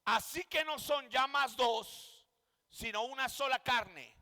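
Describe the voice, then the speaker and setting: High, bright-voiced man teaching Bible exegesis. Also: slow pace, long reverb tail. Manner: emphatic, rhetorical questions, frequent "amen".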